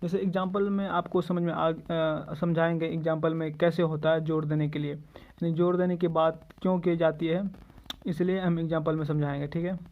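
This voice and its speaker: Male tutor, high voice, patient repetitive explainer, muffled low-fi recording. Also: little pitch movement, normal speed. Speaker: English grammar teacher. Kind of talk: explaining lesson in Hindi with English examples. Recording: dull lo-fi recording with faint noise.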